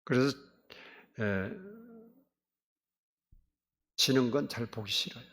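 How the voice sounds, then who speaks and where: A male pastor preaching a sermon, swinging between loud emphatic exclamations and soft, hushed asides. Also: medium pitch, takes it slowly, husky.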